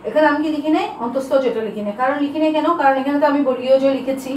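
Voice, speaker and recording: A woman's voice: high-pitched, rapid-fire, darkish tone. A woman teacher giving a grammar lesson to her students, asking them questions and answering them herself. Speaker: school teacher. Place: classroom with a board. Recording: echoey room, mic far off, faint background hiss.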